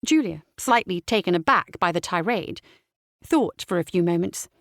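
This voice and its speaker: A woman's voice: lowish voice, animated, moderate pace, no room sound, studio quality. Woman narrating a cozy mystery. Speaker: audiobook narrator. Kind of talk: scripted narration.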